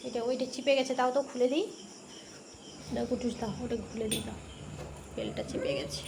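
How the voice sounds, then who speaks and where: A woman's voice: fairly high pitch, fairly even intonation, fairly quick, gravelly, very noisy. A woman talking to her pet dog at home, scolding it and coaxing it, and repeating herself often. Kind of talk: casual talk to a dog.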